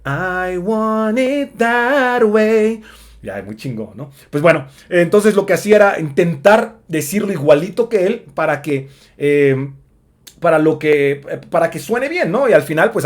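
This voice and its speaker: A man giving a casual spoken English lesson, chatty with lots of fillers. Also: fairly high pitch. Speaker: English teacher.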